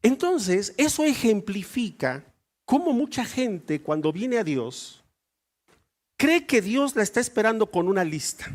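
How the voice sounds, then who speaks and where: A man's voice: sits high, sing-song, measured pace. A male pastor preaching a sermon, acting out little dialogues with shifting voices.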